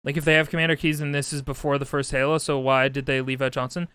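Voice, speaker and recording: A man's voice: mid-range voice, little pitch movement, quick pace, sharp tone, smooth, dry recording. A man streaming a video game, chatting casually in a rambling, wry, sweary way. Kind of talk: casual game commentary and chat. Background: game music.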